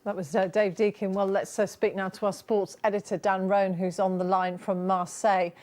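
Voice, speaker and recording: A woman's voice: mid-range voice, little pitch movement, moderate pace, darkish tone. A British woman hosting a live news programme, introducing reports and putting questions to reporters. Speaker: news presenter.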